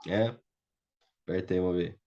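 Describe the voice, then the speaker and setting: A man's voice: low-pitched, normal speed, warm tone. A man with a Brazilian Portuguese accent teaching a Biblical Hebrew class online, patiently checking that his students follow. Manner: patient, checks understanding often with "tá?" and "certo?". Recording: muffled lo-fi audio.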